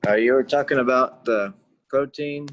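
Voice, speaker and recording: A man's voice: medium pitch, normal speed, fairly bright tone. A man in a coaching group politely asking a hesitant question about his protein target. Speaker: coaching client.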